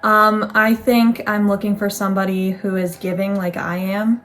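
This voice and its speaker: A woman's voice: mid-range voice, flat delivery, normal speed, fairly bright tone. A young woman in casual chat, thinking aloud in a reflective, rambling way with restarts. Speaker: co-host.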